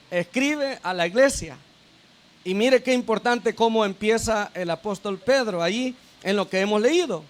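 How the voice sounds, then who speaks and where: A man with a very high-pitched voice preaches a sermon as a deacon. He keeps turning to the congregation with tag questions and calls them brother and sister. He often repeats and restarts his phrases as he goes. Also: fairly bright tone. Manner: addresses listeners as brother and sister.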